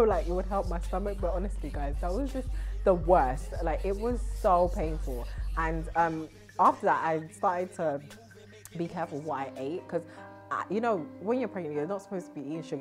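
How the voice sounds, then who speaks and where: Chatty british girl vlogging, lowish voice, laughs a lot, soft music under. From Britain. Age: young adult. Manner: chatty, laughs often, self-mocking. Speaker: TV host and vlogger. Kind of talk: casual vlog narration.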